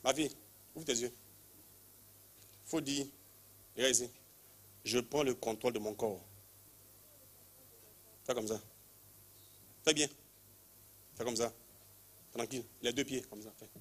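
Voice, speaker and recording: Man, lay preacher, commanding, repetitive, mid-pitched voice. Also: a little slow, pauses often, husky. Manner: commanding, repeats short phrases, calls people forward, leads call-and-response prayer. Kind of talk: charismatic healing service, prophetic calling.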